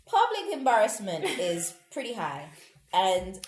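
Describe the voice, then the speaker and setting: A woman's voice: medium pitch, wildly swooping pitch, a little slow. A woman playing a tabletop role-playing game, chatting casually and laughing in exasperation. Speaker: player. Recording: roomy echo, faint noise.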